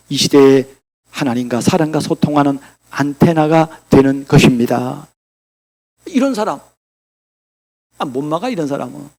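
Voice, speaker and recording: Male pastor, high-pitched, sermon delivery with sudden loud-to-quiet swings, keeps asking the congregation questions. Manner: emphatic, rhetorical questions to the congregation; swings between loud declarations and quiet asides. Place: church.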